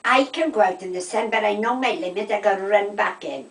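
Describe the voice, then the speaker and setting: Speaking briskly in a mid-range voice, an elderly South Wales Valleys woman shares lively gossip indoors at home, quoting conversations and asking "right?" as she goes. The room echoes, and she's a fair distance from the microphone.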